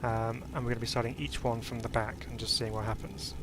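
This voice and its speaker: A man live-streams a sim race, commenting as he drives in a chatty, upbeat way packed with fillers. His mid-range voice is level and quick-paced, with background noise and jazz music playing behind him.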